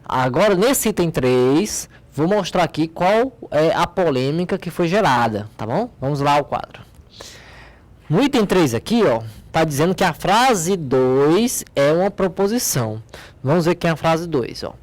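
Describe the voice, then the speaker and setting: A math teacher with a Brazilian Portuguese accent teaches logic at a board, patiently walking through an exercise and often checking in with his students through short questions. His voice is fairly high, sing-song, and unhurried.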